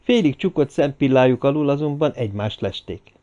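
A man narrating an audiobook in a steady, even storytelling manner. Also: mid-range voice. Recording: dull lo-fi recording.

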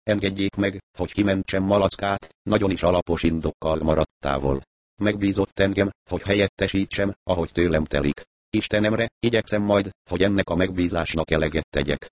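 A composed male detective addresses the gathered suspects in deep, unhurried, courteous sentences, as a male audiobook narrator voices him. The tone stays formal and deliberate, close and dry with no room around it. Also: no room sound, natural voice. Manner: measured, courteous speechmaking.

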